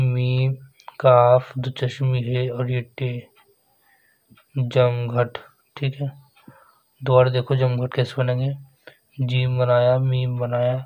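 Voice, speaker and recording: A man teaching a children's Urdu writing lesson, naming each letter slowly and repeating it as he writes. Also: mid-range voice. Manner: slow, repeats letter names and "theek hai" while writing. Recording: dull lo-fi sound.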